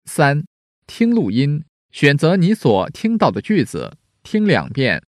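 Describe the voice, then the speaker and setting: A man reading listening-exam instructions in a measured, formal way. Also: fairly high pitch, wildly swooping pitch, dry recording, clean studio sound. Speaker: test instructions reader.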